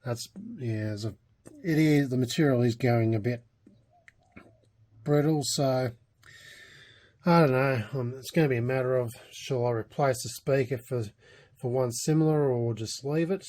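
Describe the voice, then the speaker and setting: Speaking in a mid-range, somewhat mellow voice, the Australian hobbyist vlogger keeps a measured pace broken by long pauses. He rambles hesitantly through a casual, off-the-cuff show-and-tell, letting ideas trail away.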